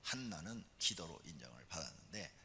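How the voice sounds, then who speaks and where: A male pastor preaching a sermon in a church sanctuary, retelling the story with animated flair and asking the congregation to respond. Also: extremely low pitch, fairly quick, breathy edge. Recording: long reverb of a church hall.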